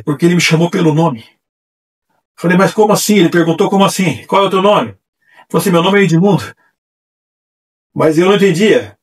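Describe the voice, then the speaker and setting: A man telling his testimony as a church evangelist, animated and acting out the voices he quotes. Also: high voice, husky. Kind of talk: testimony storytelling. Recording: distant mic.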